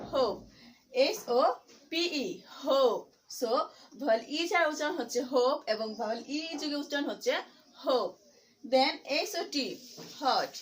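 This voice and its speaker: A woman from Bangladesh, teaching English pronunciation by spelling out letters and repeating each word slowly. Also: high voice, slight background noise, poor audio. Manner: slow, deliberate spelling and repetition.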